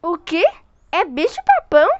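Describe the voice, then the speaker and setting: A woman's voice: wildly swooping pitch, normal speed, dull audio, very noisy, heavily acted. A woman doing a frightened little girl. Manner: high frightened pleading. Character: little girl scared and near tears.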